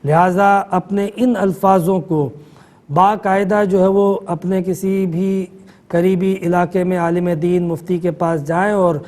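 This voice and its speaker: A middle-aged man, a mufti answering callers' questions in a calm, explanatory manner. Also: high voice. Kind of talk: religious call-in answers.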